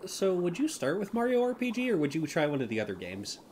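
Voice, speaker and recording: A man's voice: high voice, wildly swooping pitch, quick pace, noisy background. A man co-hosting a gaming livestream, rambling animatedly about games. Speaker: livestream co-host. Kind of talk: casual gaming chat.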